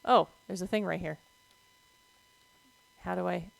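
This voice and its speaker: A woman's voice: fairly low pitch, unhurried, creaky, no echo, low-quality recording. Blunt, foul-mouthed woman streamer. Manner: blunt, swears freely; animated, breaks off to react to the game. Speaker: streamer with veterinary work experience. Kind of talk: casual explanation while playing a game.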